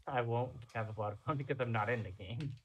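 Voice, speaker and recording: A man's voice: medium pitch, brisk, crowd noise. Frustrated rambling young male player. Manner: frustrated, rambling, re-enacts his own thoughts. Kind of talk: casual post-game chat.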